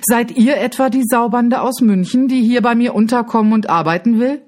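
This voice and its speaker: Woman voicing a booming, wrathful fat baron. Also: a little slow, darkish tone, close to an everyday voice. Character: fat, angry old baron host.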